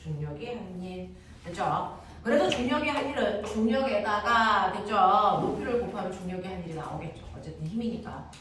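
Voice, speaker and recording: A woman teaching a physics class, constantly checking that students follow with quick questions. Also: medium pitch, expressive, a crowd in the background. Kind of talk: classroom lecture. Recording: very echoey room, distant mic, audible noise.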